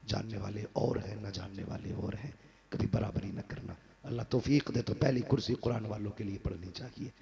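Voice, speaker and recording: Gravelly, fervent male preacher. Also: steady tone, moderate pace, a little hiss or hum. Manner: impassioned, swinging from loud exhortation to low earnest tones. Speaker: Islamic preacher. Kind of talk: fervent religious sermon. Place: madrasa gathering.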